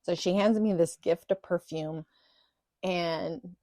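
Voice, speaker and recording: A woman with a somewhat low voice tells a personal story in a relaxed vlog monologue. Her delivery is chatty and animated, with playful self-teasing asides. The sound is close and dry, with no room echo. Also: takes it slowly. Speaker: vlogger telling a personal story.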